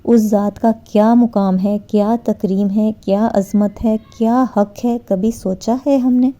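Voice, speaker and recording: Woman giving an earnest sermon on prayer, deep mellow tone, kinda muffled lo-fi sound. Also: fairly even intonation. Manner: earnest, exhorting, slows to model recitation. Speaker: Islamic preacher. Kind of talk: religious lecture on prayer. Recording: dull lo-fi recording.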